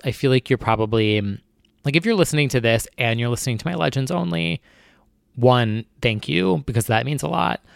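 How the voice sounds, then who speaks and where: A man's voice: medium pitch, vocal fry, smooth, dry recording, clean studio sound. A young man hosting a podcast, talking casually and candidly on his own, nervous and rambling with many fillers. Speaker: podcast host. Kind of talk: casual solo talk.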